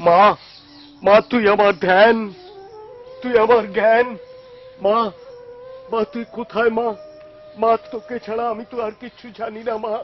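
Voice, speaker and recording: A man's voice: very high voice, little pitch movement, unhurried, pauses often. An actor playing a wild, fervent ascetic holy man in a devotional film, blunt with his followers and crying out to the divine Mother. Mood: longing, crying out. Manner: gruff and blunt with followers, pleading cries to the Mother. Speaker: wandering ascetic saint. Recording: dull lo-fi film soundtrack with music.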